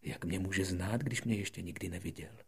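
A man's voice: low voice, slightly rough. A man voicing a shy, puzzled little prince in an audiobook, asking politely and timidly. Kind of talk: audiobook character voice.

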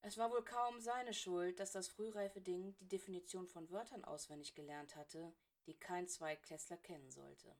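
A woman narrating fan fiction in a steady, expressive storytelling voice. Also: lowish voice, moderate pace, hardly any pauses. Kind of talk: fan fiction audiobook reading.

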